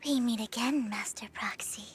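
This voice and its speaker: A woman voicing a secretive young female informant in a game, talking in a hushed whispered role-play voice. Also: moderate pace, a little hiss or hum, lightly acted. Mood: whispering, coy. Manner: hushed breathy whisper, with flights of high excitement. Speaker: video game character.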